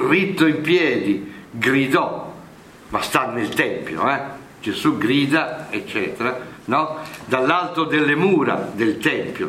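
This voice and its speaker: A man teaching a lesson of scripture commentary, explaining in a measured way and often checking in with a rhetorical "no?" or "eh?". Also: a little high, fairly bright tone. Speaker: Bible teacher. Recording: echoey room.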